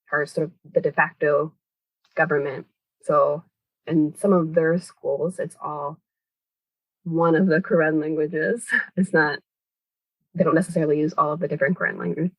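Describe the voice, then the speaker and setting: A woman who organizes language education is a guest on a podcast interview, giving long, thoughtful, explanatory answers packed with hedges like "kind of" and "sort of." Her voice is deep, with no echo, and the highs are cut off.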